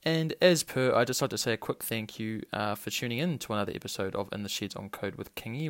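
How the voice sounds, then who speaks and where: Low-voiced New Zealand man introducing a podcast. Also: creaky, no echo. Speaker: podcast host.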